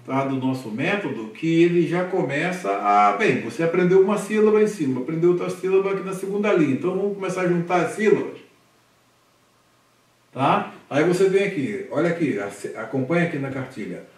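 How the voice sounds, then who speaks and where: A man's voice: high-pitched, expressive, a little fast. A Brazilian man teaching a Hebrew literacy class, patiently drilling syllables aloud and checking in with his students. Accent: Brazilian Portuguese. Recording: echoey room recorded from a distance.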